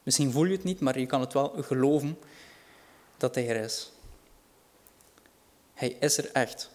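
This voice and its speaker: Guy giving a sermon, earnest and reassuring, gets louder on the big lines. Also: medium pitch, measured pace. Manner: earnest, reassuring, rises in volume for dramatic quotes. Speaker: preacher.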